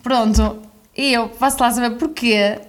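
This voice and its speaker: A woman's voice: a little high, a little slow. A young woman with a European Portuguese accent, a podcast co-host chatting casually and acting out the voices of the people in her stories. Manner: animated storyteller who acts out quoted voices. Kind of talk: casual chat.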